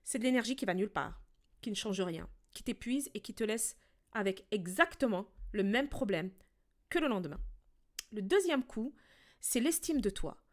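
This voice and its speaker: A woman hosting a relationship podcast, talking calmly and directly to the listener as a coach in a scripted monologue. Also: mid-range voice, normal speed.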